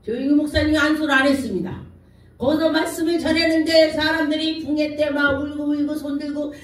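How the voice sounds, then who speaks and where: A woman's voice: high voice, steady tone, a little fast. A woman pastor preaching a sermon, telling stories and acting out the quoted speech. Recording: echoey hall from far off.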